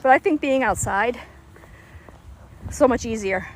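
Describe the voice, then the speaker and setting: A woman's voice: on the high side, unhurried, slight background noise, rough recording. A woman chatting casually on a livestream while walking outdoors, a bit winded, rambling and laughing easily. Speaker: livestream host.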